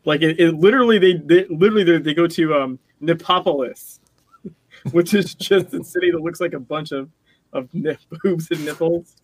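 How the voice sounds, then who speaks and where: A man's voice: on the high side, normal speed, husky. A middle-aged man co-hosting a casual game podcast, rambling and laughing as he talks. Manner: rambling, self-interrupting, laughs often. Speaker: podcast co-host. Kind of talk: casual chat.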